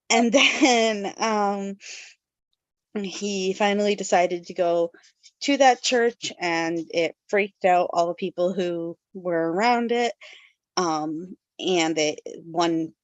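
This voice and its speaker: A woman's voice: lowish voice, no room sound. Woman host chatting in a dry room. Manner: reads background notes, then chats with yawns and laughs. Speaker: podcast host. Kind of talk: casual book club chat.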